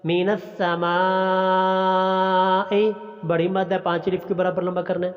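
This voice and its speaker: A man with a Pakistani accent teaching Quran recitation, explaining pronunciation rules and chanting the verses in a drawn-out melodic style. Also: high-pitched, completely flat delivery, big-room sound, muffled recording, faint music behind.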